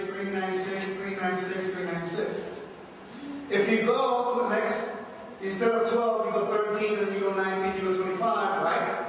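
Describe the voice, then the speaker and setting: A man's voice: high voice, a bit bright, muffled recording, a little hiss or hum. A man teaching Torah in a loose, conversational way, repeating himself and often asking if his listeners are with him. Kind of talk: informal teaching talk. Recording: echoey hall, mic from far off.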